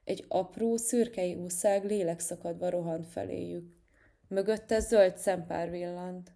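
A woman reads a children's story aloud, gentle and expressive. Her voice is lowish and mellow, with a warm, relaxed tone. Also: gravelly. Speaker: narrator.

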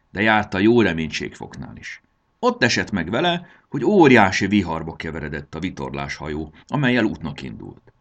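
Deep gravelly storybook narrator, man. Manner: expressive, animated reading. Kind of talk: storybook reading.

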